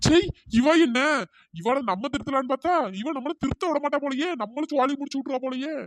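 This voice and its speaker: A voice actor playing a tall, exasperated husband in a comic cartoon, bickering and then pleading through a pitch-shifted cartoon voice. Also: fast talker, dry recording. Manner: scolding, then fawning and pleading. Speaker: cartoon character.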